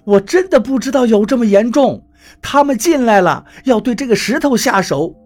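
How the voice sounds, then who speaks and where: A man voicing a panicky middle-aged Taoist priest who shouts and begs in a flustered way. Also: sits high, big pitch swings, normal speed, breathy edge, soft background music, exaggerated voice. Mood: panicked. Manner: loud, pleading, flustered.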